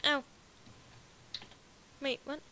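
A woman chatting casually while playing a game, excitable, with quick bursts of chatter. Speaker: gamer co-host. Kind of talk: casual gameplay chat.

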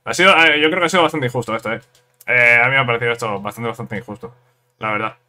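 A man commentates his own gameplay in a casual let's-play style, his voice bright and pitched in the middle range. He talks in excitable bursts, repeating words and tacking on quick tag questions. Keyboard clicks can be heard behind him. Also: soft background music.

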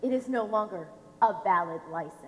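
Lightly acted and mid-range, the young woman's voice delivers a pedantic, drawn-out performance as an officious, obstructive DMV clerk in a comic play. She's a teen or young adult, heard from a distance on a theatre stage, and the hall is echoey and noisy.

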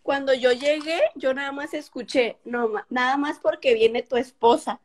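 A woman joins a relaxed conversation and fills in her side of the story with amusement. Her voice sits high. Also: moderate pace. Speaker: guest's wife. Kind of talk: casual chat.

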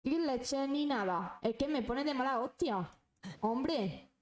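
A woman's voice: high voice, expressive, takes it slowly, darkish tone, roomy sound, poor audio. A young woman ranting angrily and swearing while chatting on a live stream. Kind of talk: casual live-stream chat.

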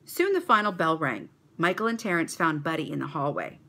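A woman reading a children's story aloud to a church kids' club, expressive and animated. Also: deep voice, fairly quick.

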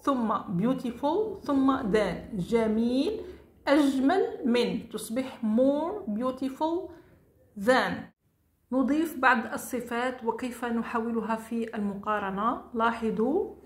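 A woman teaches a grammar lesson in a deliberate, unhurried way. She stretches each English word and repeats it before giving its meaning. Her voice sits a little high and carries in a roomy space. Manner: spells out words slowly, switches between English and Arabic. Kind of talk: slow classroom grammar lesson. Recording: echoey room.

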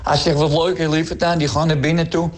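A man's voice: a little high, little pitch movement, a little fast. A middle-aged man with a Dutch accent telling jokes on a radio show, switching voices for the characters. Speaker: joke teller on radio show.

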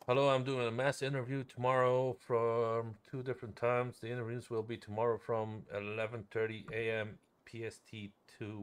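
A live streamer playing a roleplay game chats casually in a lowish, clear, resonant male voice. He swears freely and playfully repeats phrases.

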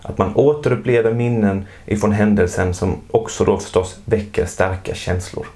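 Calm, measured Swedish-speaking man narrating. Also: lowish voice. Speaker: narrator of an educational video. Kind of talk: scripted explainer narration.

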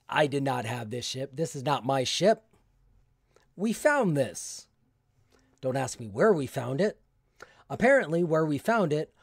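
A man's voice: on the high side, no echo, clean studio sound. A man voicing an irritated, stubborn ship captain in a solo tabletop role-play, grumbling indignantly. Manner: grumbling, indignant in-character monologue.

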